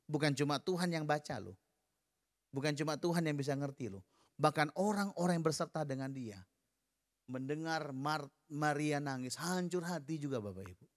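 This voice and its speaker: A man's voice: on the high side, dry recording, studio quality. A man preaching a sermon. He speaks to the congregation directly in a conversational way and leads them in reading aloud together. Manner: conversational, addresses the listeners directly.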